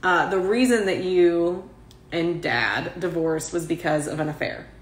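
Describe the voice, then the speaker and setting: A woman hosting an interview who gently puts viewer questions to her guest. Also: fairly low pitch, a little slow. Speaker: interview host. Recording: roomy echo.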